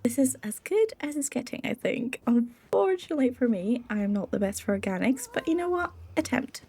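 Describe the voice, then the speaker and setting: A woman's voice: fairly high pitch, big pitch swings, brisk, mellow, husky, no echo. Giggly young woman rambling over gameplay. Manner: giggly, rambling and self-deprecating. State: tired. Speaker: Minecraft let's play creator. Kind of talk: casual gameplay commentary.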